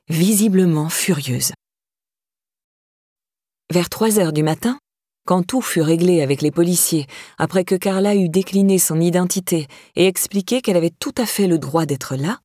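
A woman narrates an audiobook in calm, measured storytelling. Her voice is low and mellow. The recording is dry and close. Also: dry recording. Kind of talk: scripted narration.

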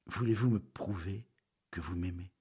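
A man voicing an earnest young husband who pleads softly and grows impatient, in a story read aloud. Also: deep voice, normal speed, breathy edge. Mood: pleading.

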